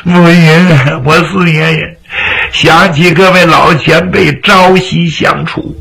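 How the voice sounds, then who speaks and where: A man's voice: high-pitched, animated, slow pace, vocal fry, bright, forceful tone, husky, exaggerated voice, low-quality recording. A man voicing a tearful, dramatic young male hero who wails and pleads through his sobs, in traditional storytelling. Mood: wailing. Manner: sobbing, wailing plea.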